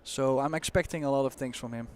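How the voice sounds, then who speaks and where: A man giving expert analysis on a pool match as co-commentator, explaining shots in a measured way with casual fillers. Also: mid-range voice, noisy background. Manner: explanatory, measured, uses fillers like "you know".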